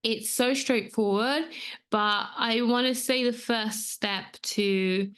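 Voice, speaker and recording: A woman's voice: fairly high pitch, fairly even intonation, slow, smooth. A woman in her thirties, born in Nigeria, hosting a solo podcast in an earnest, conversational way with frequent fillers. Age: 30s. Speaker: podcast host and coach. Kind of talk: casual solo podcast talk.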